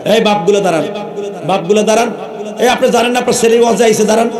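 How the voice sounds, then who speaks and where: Hoarse high-pitched preacher pleading loudly. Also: male voice, fast talker. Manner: pleading, commanding the crowd, near shouting. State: hoarse, strained voice. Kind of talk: emotional open-air sermon. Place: outdoor religious gathering under a tent. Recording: echoey loudspeaker sound with crowd. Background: crowd noise.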